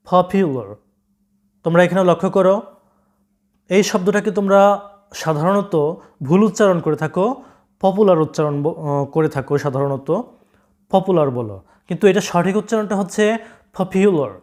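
High-voiced man with a Bengali accent. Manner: repeats each word slowly, addresses viewers directly. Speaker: English pronunciation teacher. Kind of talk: online language lesson.

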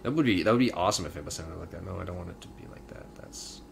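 A man's voice: low voice, animated, very fast, gravelly, slight background noise. A young man casually joking and riffing while commenting on gameplay with a friend. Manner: jokey, riffing banter. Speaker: let's play co-host.

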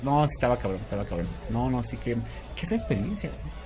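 Animated Mexican man telling stories. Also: mid-range voice, fast, music in the background. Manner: animated, laughs often, swears freely. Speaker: podcast host. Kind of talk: casual storytelling chat.

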